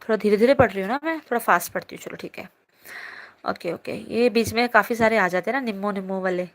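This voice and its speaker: A woman's voice: medium pitch, fast. A young woman teacher holding a live online class from her phone, reading students' chat comments aloud and answering them in a chatty, teasing way.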